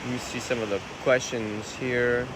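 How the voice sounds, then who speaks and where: A man from Vietnam, a Buddhist monk, answering viewers' questions in a relaxed, conversational way outdoors by the ocean, recorded on a phone. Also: mid-range voice, normal speed. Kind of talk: casual outdoor Q&A talk. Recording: phone recording with wind and surf noise. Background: ocean waves and wind.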